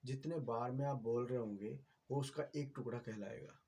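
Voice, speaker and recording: A man's voice: mid-range voice, normal speed, mellow, breathy edge. A man, patiently explaining a writing lesson as a teacher, with many fillers and repeated checks.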